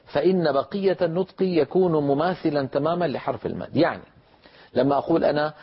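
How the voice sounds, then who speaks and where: A man teaching Quran recitation, explaining letter sounds, asking rhetorical questions and drawing out example sounds slowly. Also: on the high side, breathy edge. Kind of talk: lecture on letter pronunciation. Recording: dull lo-fi recording.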